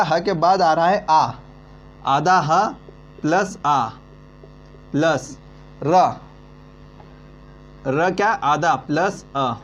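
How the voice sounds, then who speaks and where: A man teaching an online lesson, talking slowly and answering his own questions as he goes. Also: on the high side. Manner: slow, repeating, asks then answers himself. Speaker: Hindi teacher. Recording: dull lo-fi with mains hum.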